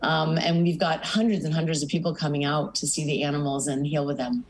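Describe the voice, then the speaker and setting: A middle-aged woman who founded an animal sanctuary speaks earnestly in a news interview, joining by video call from a home office with pictures on the wall. Her voice is low and steady, fairly quick, and she lists things in long runs. The webcam audio is rough, with a little hiss or hum.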